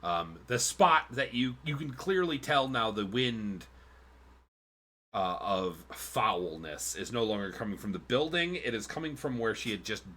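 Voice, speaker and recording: A man's voice: fairly low pitch, lively intonation, unhurried, bright, forceful tone. A man narrating as game master of a streamed tabletop game, rambling with fillers and restarts. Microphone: streaming mic.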